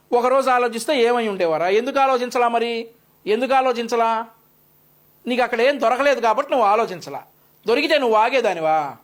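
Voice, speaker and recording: A male news commentator delivering an opinionated, scolding rebuttal with a sarcastic edge. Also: sits high.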